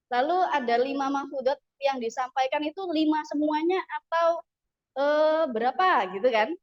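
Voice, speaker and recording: A woman's voice: high voice, lo-fi sound. A woman teaching an Arabic class, patiently explaining the rules and modelling pronunciation. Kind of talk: classroom instruction.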